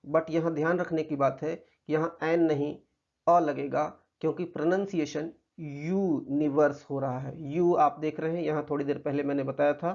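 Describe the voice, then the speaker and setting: A man with an Indian accent teaching a grammar lesson, patiently explaining slides and reading English examples slowly. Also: fairly high pitch, gravelly, darkish tone. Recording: muffled lo-fi recording.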